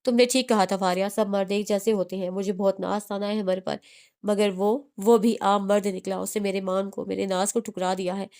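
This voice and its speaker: A woman reading a frightened young wife's lines in an audiobook, in a halting, pleading way. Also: mid-range voice, little pitch movement, darkish tone, smooth, close to an everyday voice. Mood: tearful.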